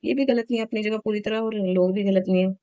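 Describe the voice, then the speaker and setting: A woman's voice: mid-range voice, steady tone, fast, dark tone, dry recording, lo-fi sound. A woman in her thirties chatting casually in a home vlog, telling a story in an indignant, talkative way. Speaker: vlogger.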